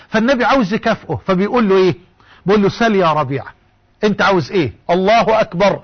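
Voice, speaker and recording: A man's voice: sits high, highs cut off. A man with an Egyptian accent preaching a sermon, impassioned and rhetorical, moving between classical and colloquial speech. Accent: Egyptian Arabic.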